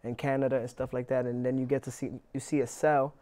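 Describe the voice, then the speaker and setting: In this interview, a young actor from New York's Inwood neighborhood speaks in a mid-range voice with a clean tone. He is relaxed but halting, talking casually with many restarts and fillers.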